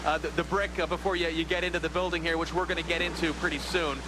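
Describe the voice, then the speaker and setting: A man working as a field reporter, describing a storm live outdoors in a halting, descriptive way. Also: fairly high pitch, little pitch movement. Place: outdoors by a building, partly sheltered from wind. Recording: clear wind and rushing water noise.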